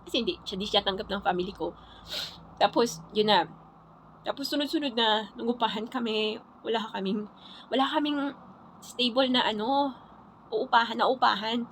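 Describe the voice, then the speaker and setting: A woman telling her personal faith testimony in a halting, repetitive way, often restarting her sentences. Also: a little high, fairly bright tone, a little hiss or hum, low-quality recording. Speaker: churchgoer sharing her testimony.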